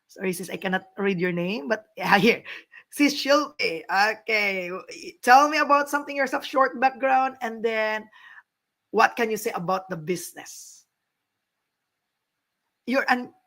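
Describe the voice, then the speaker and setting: A woman's voice: fairly high pitch, measured pace, fairly bright tone. Woman hosting a livestream chat. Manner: encouraging, repeats phrases. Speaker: host.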